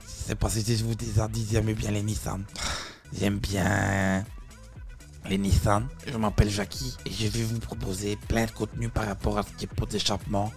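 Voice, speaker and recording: Guy putting on a dopey car nut, monotone and low, music behind. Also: close to an everyday voice. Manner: repetitive, slow-witted. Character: dim male car-and-tattoo enthusiast streamer.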